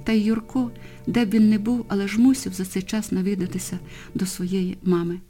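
A woman reading a historical story aloud with expressive, varied phrasing. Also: medium pitch, brisk, music in the background. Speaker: narrator. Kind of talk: audiobook narration.

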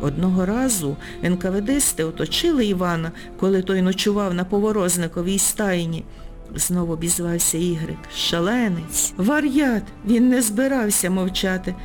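A woman narrating an audiobook in a measured, expressive storytelling manner. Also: lowish voice, soft background music. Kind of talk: audiobook reading.

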